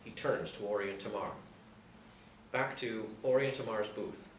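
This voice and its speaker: A man with a lowish voice reads a screenplay's action lines at normal speed in a scripted narrating style. The room is echoey, the mic distant, with faint noise.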